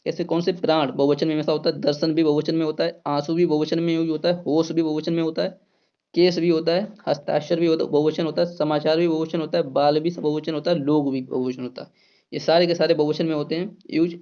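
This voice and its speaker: A man's voice: on the high side, level tone, fast talker, warm tone, clean tone, dull audio. A man teaching an exam-prep grammar lesson, repeating key words and asking and answering his own questions.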